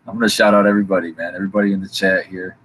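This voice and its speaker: A man's voice: sits low, level tone, very fast, fairly bright tone, a little hiss or hum. A man chatting casually on a livestream panel with a laid-back, stoned drawl. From Michigan. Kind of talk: casual chat.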